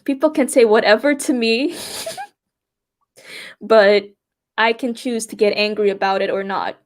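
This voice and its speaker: A woman's voice: on the high side, a little slow. A young woman hosting a podcast, talking openly and reflectively about her own life. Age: young adult. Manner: reflective, open, with some restarts. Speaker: podcast host. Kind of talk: candid personal conversation.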